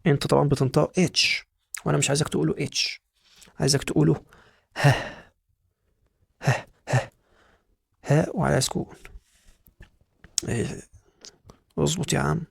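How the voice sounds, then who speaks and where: A man's voice: a little high, steady tone, brisk, gravelly, long pauses, breathy edge, no echo, studio quality. A man with an Egyptian Arabic accent teaching English letter sounds to beginners, repeating each sound over and over and urging the viewer to say it with him. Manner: drills sounds by repetition, coaxing the viewer. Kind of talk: beginner phonics lesson.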